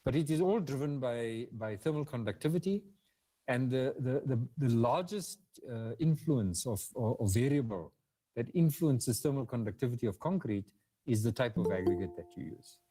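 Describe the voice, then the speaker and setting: South African man, mellow hesitant lecturer. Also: mid-range voice, animated, normal speed, slightly rough. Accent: South African English. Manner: hesitant, with frequent fillers and restarts. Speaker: guest speaker. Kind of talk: webinar lecture and Q&A.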